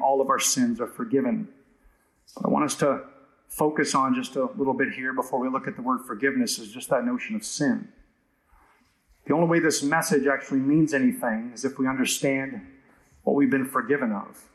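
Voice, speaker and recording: A man's voice: mid-range voice, fairly quick. Man preaching in an echoey room. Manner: conversational preaching with frequent "right?" asides. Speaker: pastor. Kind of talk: sermon.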